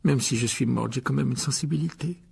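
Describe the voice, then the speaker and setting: A man with a gravelly voice reading a storybook and voicing a touchy, self-pitying ghost schoolgirl with a tearful, whiny tone. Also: medium pitch, wildly swooping pitch, a little slow, warm tone, pitched above the performer's own voice, full character voice. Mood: sulky.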